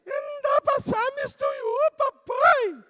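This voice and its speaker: A man's voice: very high voice, measured pace, bright, forceful tone, pitched above the performer's own voice, heavily acted. Man doing a whiny little boy. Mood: whining. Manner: whiny, pleading. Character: small boy whining to his parents.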